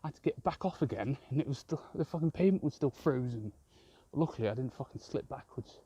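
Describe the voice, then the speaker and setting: A man's voice: medium pitch, expressive, fast, mellow, husky, dry recording, dull audio. A man rambling and swearing constantly as he films a vlog on a walk outdoors in a park with his phone. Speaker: vlogger. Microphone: handheld phone camera.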